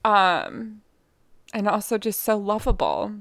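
A woman's voice: mid-range voice, huge pitch swings, slow pace, gravelly, a bit bright, dry recording, studio quality. A young woman hosting her own podcast from home, talking frankly and profanely in a rambling way, with lots of fillers. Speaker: podcast host. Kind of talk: candid solo podcast monologue. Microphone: podcast microphone.

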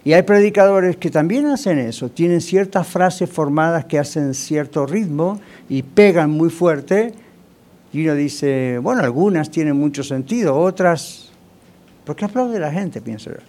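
A man's voice: fairly high pitch, expressive, unhurried, darkish tone. A male pastor preaching a sermon in a conversational way, often asking the congregation rhetorical questions.

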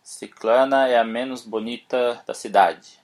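A man with Portuguese as his first language giving a casual spoken English lesson, spelling words out letter by letter and slowing down for his example sentences. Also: medium pitch, steady tone, darkish tone. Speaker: English teacher, podcast host.

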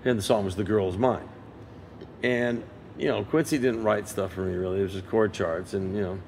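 A man's voice: on the low side, brisk, creaky, a little hiss or hum. An older man, a session guitarist, telling stories in a casual interview and animatedly acting out the people he quotes. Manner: animated storyteller who acts out quoted voices.

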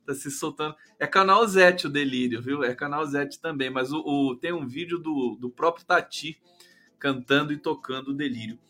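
A man's voice: fairly high pitch, normal speed, bright, forceful tone, faint music behind. A man with a Brazilian Portuguese accent hosting a live stream of casual political commentary, sarcastic and profane, often ending phrases with a tag question.

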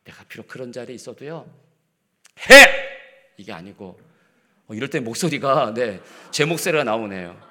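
Middle-aged male pastor, lively sermon, mid-pitched voice, plays out quotes with humor, drops to whispers. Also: fairly quick, slight background noise. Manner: swings from loud acted rebukes to hushed whispers; acts out quoted lines with playful humor. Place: church sanctuary.

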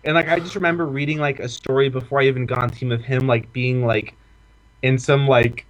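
A man's voice: medium pitch, steady tone, fairly quick, a little hiss or hum. A young man talks in loose, casual chat. He rambles through the story with "like" in every line and swears freely. He sounds like a former college football player remembering his coach. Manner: rambling, heavy "like" filler, profane. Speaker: podcast co-host, former college football walk-on.

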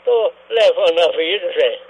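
A man's voice: high voice, animated, moderate pace, slightly rough, rough recording. A man voicing a confused old prank caller, rambling and answering beside the point on a radio prank call.

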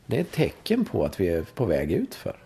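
Interview guest: Swedish man in his fifties, swings his pitch widely, chatty storyteller who keeps checking in with the listener. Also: creaky. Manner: animated storytelling, frequent "va?" tags, swearing. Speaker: guest, course leader in sexuality and breathwork. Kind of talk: conversational interview.

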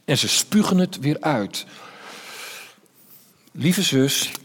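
A man preaching a sermon as a pastor, reflective and unhurried, shifting into dramatic retelling. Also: fairly high pitch, expressive, a little hiss or hum. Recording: reverberant hall.

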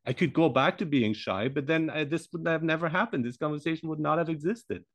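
A man's voice: on the high side, brisk, fairly bright tone, no echo. A man in his forties, born in Iran and raised in Germany, speaking as a podcast guest in a reflective, hesitant way with many fillers and restarts. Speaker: podcast guest, language teacher. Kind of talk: casual interview conversation.

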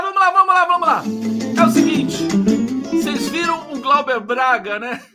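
A man with a Brazilian Portuguese accent hosting a live stream, gleefully reading viewer comments in an excitable, chatty way. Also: fairly high pitch. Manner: gleeful and excitable, breaks into shouts and laughs.

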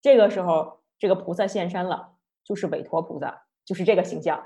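A woman giving an online lecture, telling a story in a chatty, lively way. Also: fairly low pitch, brisk. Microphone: online talk, computer mic.

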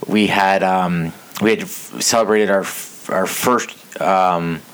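A man's voice: low-pitched, steady tone, slow pace, a bit bright, clear, resonant tone, poor audio. A man in his thirties chatting casually as the host of a podcast. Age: 30s. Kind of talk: casual chat.

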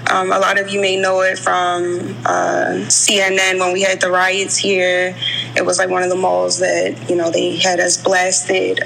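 A woman's voice: lowish voice, monotone, a little slow, gravelly, a bit bright, a little hiss or hum, poor audio. A woman in her twenties from Baltimore, a podcast guest talking in a chatty way, full of "um" and "like" fillers. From Baltimore, Maryland. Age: 20s. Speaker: podcast guest, neon light artist. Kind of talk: casual interview chat.

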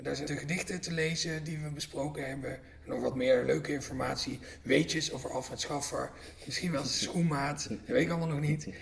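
Male podcast host, gravelly, slightly higher voice, relaxed, chatty. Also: brisk, few pauses. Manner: relaxed, chatty, self-mocking. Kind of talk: casual podcast interview and outro.

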